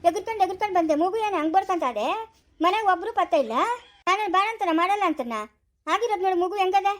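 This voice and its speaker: A woman with a rural Kannada accent from the Chikkaballapura area, playing a quarrelsome village mother-in-law in a family skit, scolding fast and sharply. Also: extremely high pitch.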